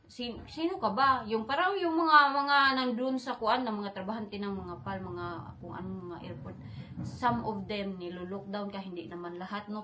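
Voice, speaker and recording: A woman's voice: mid-range voice, slight background noise. A young Filipina woman, vlogging as she retells an emotional travel story and mixes English phrases into her talk. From Philippines. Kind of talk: storytelling vlog, retelling with quoted voices.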